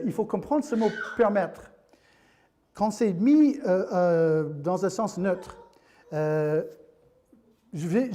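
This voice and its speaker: A man preaching a sermon in church, joking as he goes and often halting and restarting his sentences. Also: high-pitched, dark tone. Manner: jokey, halting, with many restarts.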